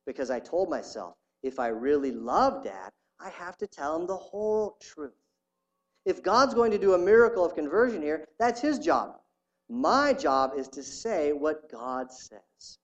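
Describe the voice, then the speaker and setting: Guy preaching, slightly high voice, reads with feeling, kinda dull muffled recording. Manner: reads a story aloud with rising intensity, earnest. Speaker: pastor. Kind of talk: sermon.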